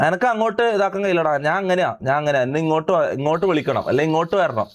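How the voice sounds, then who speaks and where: A man's voice: fairly high pitch, racing. A man talking on a livestream, emphatic and aggrieved, who keeps checking that listeners understand. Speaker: streamer. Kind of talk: livestream chat.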